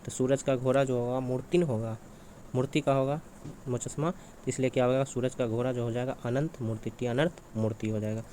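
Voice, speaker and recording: A male teacher working through exam questions, asking each one aloud and answering it himself, over and over. His voice sits at an ordinary middle pitch. A faint hum runs underneath the recording. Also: fairly even intonation, fairly quick, warm tone. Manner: repetitive, asks and answers his own questions.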